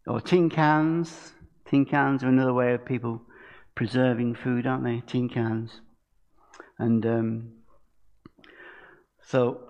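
An older English man preaches informally from a lectern on a church hall stage, chatting with the congregation and putting questions to them. His mid-range voice is a little mellow, with some vocal fry.

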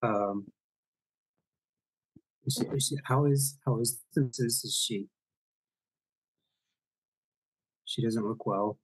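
A man's voice: medium pitch, husky, dry recording, rough recording. A man doing a hesitant Irish nanny woman. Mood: concerned. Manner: hesitant, halting replies. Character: nervous female nanny with an Irish lilt.

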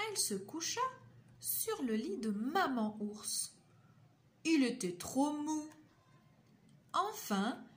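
A woman reads a children's picture book aloud in a bright, high voice. Her delivery is slow and expressive. Her pitch rises and falls widely as she tells the tale. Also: a little hiss or hum. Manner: expressive, lilting storytelling. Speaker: storyteller.

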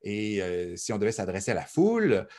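Guy lecturing to a class, lowish voice, lots of euh and restarts, chatty. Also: very animated, fairly quick, a little mellow. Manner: hesitant, many fillers and repeated words; conversational, thinks aloud. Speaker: university lecturer. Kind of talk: recorded lecture.

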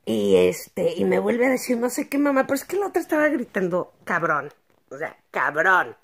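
A woman's voice: medium pitch, big pitch swings, moderate pace, breathy edge. A woman from Mexico City with a Mexico City Spanish accent, telling a story in a slangy, crude and humorous vlog from her bed at home. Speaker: vlogger.

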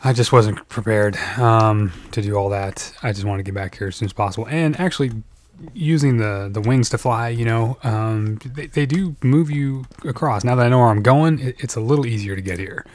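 A man's voice: medium pitch, normal speed. Man nervously narrating his gameplay. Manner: nervous, self-talking, frequent "oh boy", jumps to excited yelps. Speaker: let's play gamer. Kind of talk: gameplay commentary. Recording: game music behind the voice. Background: game music.

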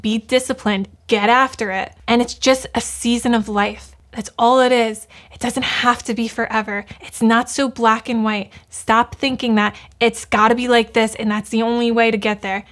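A woman's voice: a little high, fairly bright tone. A young woman giving a blunt, fired-up motivational talk to camera, swearing freely. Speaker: YouTuber giving motivational advice.

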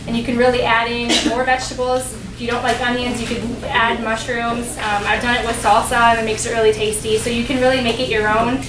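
A young woman with a slightly high voice talks through a recipe step by step, friendly and full of ums. She is heard from a distance in a large, echoing demonstration kitchen with a steady hum of noise behind her. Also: brisk, few pauses, crowd noise. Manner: friendly, explanatory, many ums and uhs. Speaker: dietetic intern doing a cooking demo. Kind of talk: cooking demonstration. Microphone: distant camera mic. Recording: roomy kitchen sound from afar, background noise.

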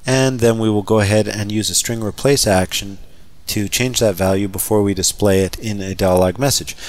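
Low-voiced man walking through code. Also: a little hiss or hum. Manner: relaxed, conversational, thinking aloud with fillers. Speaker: software trainer. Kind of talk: screen-recorded coding tutorial.

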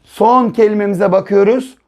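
A male primary school teacher giving a first-grade reading lesson, sounding out syllables slowly and asking the children questions. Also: high-pitched, steady tone, a little mellow. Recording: dull lo-fi recording.

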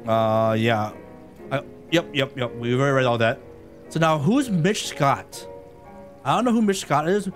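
A man streaming a game live, chatting excitably with viewers and laughing often. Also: medium pitch, unhurried, soft background music.

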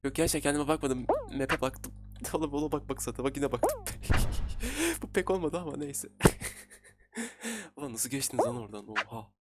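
A man in his twenties giving excitable, casual commentary while playing a game, talking to his viewers. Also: medium pitch, quick pace, few pauses, over loud music. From Turkey. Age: 20s. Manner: excitable, talks to viewers while playing, frequent laughs and repeated words. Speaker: gaming YouTuber.

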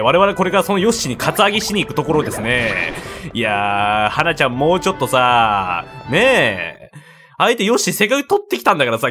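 An excitable man gives quick-fire game commentary in rough, joking casual speech. His voice sits high and swings all over the place as he plays. Game music runs behind him. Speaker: let's play host.

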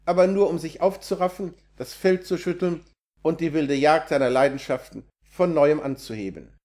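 A man reading a classic literary tale aloud in a measured storytelling manner. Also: a little high, a little mellow. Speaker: narrator.

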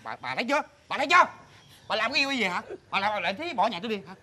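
A bossy husband, loud, hectoring, high, very fast, bright. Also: male voice, very animated, heavily acted. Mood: scolding. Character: bossy, quarrelsome husband and son.

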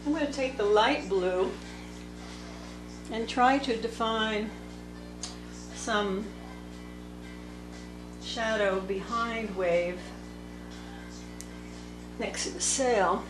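A woman teaching watercolor, thinking aloud slowly as she paints at a table. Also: fairly high pitch. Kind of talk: unscripted painting tutorial narration. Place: indoor table workspace. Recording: echoey room with background music. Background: soft instrumental music.

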